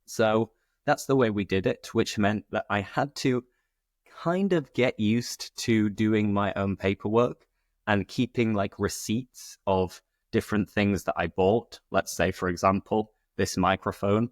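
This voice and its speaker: A British man hosting a conversational solo podcast, explaining things informally in clear phrases like a teacher. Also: fairly low pitch, unhurried, no room sound, studio quality. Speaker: podcast host and English teacher.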